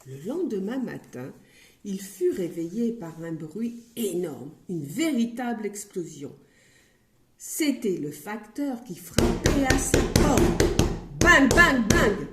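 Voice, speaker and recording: A woman reading a children's story aloud in an expressive, playful way, recorded in an echoey room. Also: medium pitch, takes it slowly, slight background noise.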